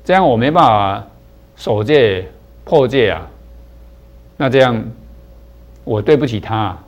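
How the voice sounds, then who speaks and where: A captive king in a spoken parable, earnest and pleading, as a man voices him. His voice sits at an even middle pitch, with nothing harsh in it. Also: measured pace, lightly acted.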